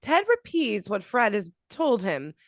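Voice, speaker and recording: A woman narrates the stage directions of a script at a table read. Her reading has lively pitch movement and a close, dry sound. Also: a little slow, no echo.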